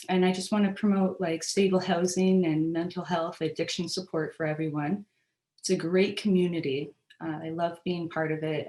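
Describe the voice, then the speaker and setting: A woman's voice: on the low side, darkish tone, roomy sound, low-quality recording. A woman giving a casual, personal statement as a board nominee, with frequent hesitations. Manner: casual, many ums and uhs.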